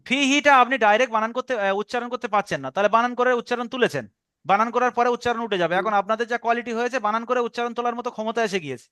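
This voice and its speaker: A man's voice: very high voice, bright, forceful tone, clear, resonant tone, no echo, clean studio sound. A man teaching a Quran reading class over an online call, drilling pronunciation by repeating words.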